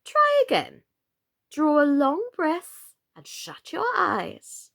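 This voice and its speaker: A woman voicing an excitable, bossy old storybook queen who wails and exclaims, turning squeaky when excited. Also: takes it slowly, vocal fry, full character voice. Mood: bossy, pitying. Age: older.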